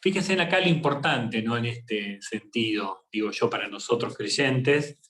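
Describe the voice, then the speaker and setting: A man, a psychologist giving a reflective faith talk, speaking slowly with many pauses and fillers. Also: mid-range voice, lively intonation, a bit bright. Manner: slow and halting, many fillers and tag questions. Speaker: psychologist leading a faith workshop. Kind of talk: reflective talk with a scripture reading.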